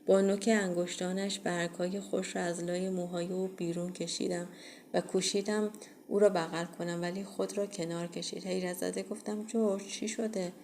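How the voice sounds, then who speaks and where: A woman reading a first-person horror audiobook in a steady, measured way. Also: fairly low pitch. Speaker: audiobook reader.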